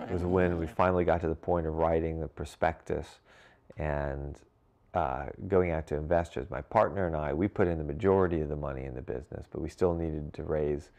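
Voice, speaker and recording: A middle-aged brewery founder, raised in Cincinnati and Brussels, recounts his story as an interview guest in an extremely low, darkish male voice. He's easygoing and conversational, using fillers and restarts with the occasional light laugh.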